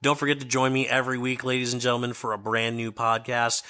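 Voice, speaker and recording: A man's voice: mid-range voice, completely flat delivery, fast, bright, forceful tone, smooth. A man hosting a solo podcast commentary, his voice scratchy and strained, often repeating and restarting words with a sardonic edge. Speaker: podcast host.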